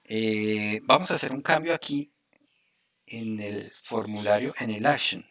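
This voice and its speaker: A man teaching a live coding lesson. He explains each step slowly and often checks in with his students. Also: fairly low pitch, fairly bright tone. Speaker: programming instructor.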